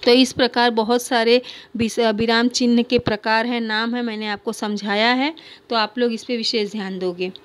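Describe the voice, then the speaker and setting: A woman's voice: fairly high pitch, flat delivery, normal speed. A woman teacher reading a Hindi one-act play aloud to pupils, stopping to explain idioms and punctuation, and lifting her voice for the characters' lines.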